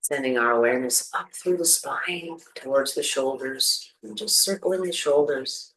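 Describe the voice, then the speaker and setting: Leading listeners through a meditation, a teacher speaks at normal speed in a soothing, gentle, medium-pitched voice, with pauses between the instructions. It's a low-quality recording.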